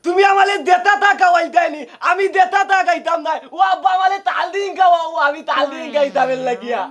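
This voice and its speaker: A man doing a shrill wailing man-child. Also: flat delivery, brisk, a bit bright, shouting. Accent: Sylheti. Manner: wailing, pleading, sobbing demands. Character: whiny childish grown son craving treats. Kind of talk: comedic village drama acting.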